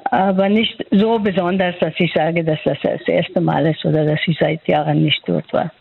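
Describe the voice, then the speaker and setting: A woman's voice: fairly low pitch, steady tone, normal speed, gravelly, breathy edge, no room sound. An older woman from Afghanistan with an Afghan accent, a doctor talking in a hesitant way with many fillers as she searches for words. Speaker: doctor interviewed on radio. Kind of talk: phone interview. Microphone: phone. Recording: dry tinny phone line.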